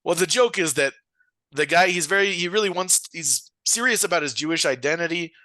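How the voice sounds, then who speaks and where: A man's voice: on the high side, animated, brisk, sharp tone, dry recording. A man hosting a podcast, chatting casually and joking with rambling asides. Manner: joking, rambling, laughs often. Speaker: podcast host. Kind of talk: casual comedic chat.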